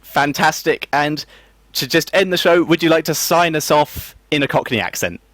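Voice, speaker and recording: An upbeat male host, quick to laugh and keen to keep things moving. His voice sits somewhat high for a man. He is recorded dry and close, with no room sound around him. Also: fairly bright tone, no echo. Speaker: show host. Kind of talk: casual chat.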